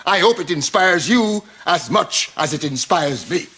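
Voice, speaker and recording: A man's voice: a little high, lively intonation, unhurried, pushed and bright. An actor with a Guyanese accent playing a boastful older male barbershop owner who lectures his customers in a studio sitcom. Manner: pompous, lecturing.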